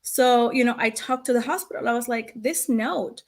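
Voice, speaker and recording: A woman in her thirties, from Venezuela, chatting as an interview guest and telling her story in a lively way, laughing often. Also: fairly high pitch, normal speed. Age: 30s. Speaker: guest, founder of a language access business. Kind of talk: casual interview chat.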